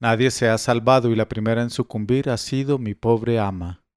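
A man voicing a scheming male servant who fakes grief with drawn-out laments. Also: mid-range voice, fairly even intonation, smooth, no room sound, clean studio sound, close to an everyday voice. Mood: mournful.

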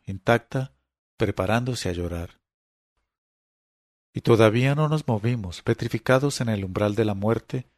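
A man narrating an audiobook in a steady, dramatic storytelling manner. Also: lowish voice, vocal fry, dry recording, studio quality.

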